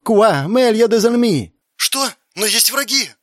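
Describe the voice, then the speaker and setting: A man's voice: high-pitched, expressive, a bit bright, dry recording, studio quality, pitched above the performer's own voice. A man voicing a frightened young blonde French woman who speaks broken Russian with a French accent. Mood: alarmed. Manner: broken halting speech, pleading.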